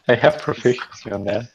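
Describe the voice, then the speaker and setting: A man's voice: mid-range voice, gravelly, sharp tone, husky. A man chatting casually as a player in a tabletop game. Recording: dull, lo-fi voice chat.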